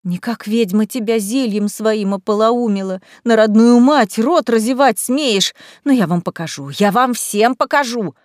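A woman voicing a spiteful, shrieking middle-aged mother in a storybook reading, high and sharp. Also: moderate pace, clean tone, dry recording, studio quality, close to an everyday voice. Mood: shrill outrage. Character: spiteful shrill middle-aged mother, town official's wife.

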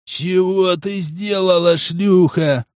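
A man voicing a brutish male biker thug who snarls and swears roughly, in an audiobook. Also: on the high side, animated, unhurried, a little mellow, no room sound, studio quality. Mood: snarling. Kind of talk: audiobook character voice.

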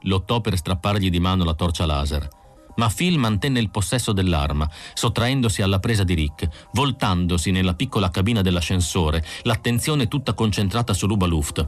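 A male audiobook narrator with a very low, measured voice. He reads evenly in a studio, with faint music playing behind him. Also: lively intonation. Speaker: audiobook reader.

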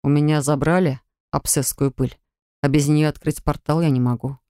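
A woman voicing a gentle young male student who speaks quietly and soothingly, lowering her voice for him. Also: steady tone, normal speed, clean tone, no echo, studio quality, close to an everyday voice. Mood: calm.

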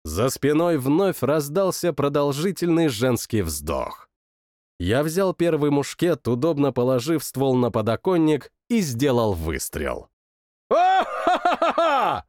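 Animated male audiobook narrator. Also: mid-range voice, measured pace, no room sound, clean studio sound. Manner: expressive storytelling. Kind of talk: first-person scripted narration.

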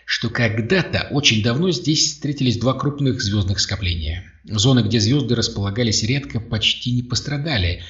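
A man's voice: lowish voice, fairly bright tone. A man voicing an eager starship officer. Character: bold resourceful male starship officer. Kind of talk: audiobook character voice. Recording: dull roomy audio, distant mic.

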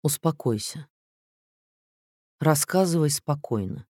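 A man reading an audiobook story, voicing a coarse, quick-tempered male president who snarls and hisses. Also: a little high, expressive, dark tone, no echo, studio quality. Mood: gruff. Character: gruff powerful middle-aged male president, contemptuous, quick to rage.

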